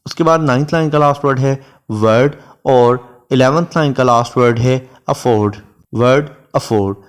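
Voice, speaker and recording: A man, giving a literature lecture, reading English verse lines slowly and then explaining each one. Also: medium pitch, clear, resonant tone.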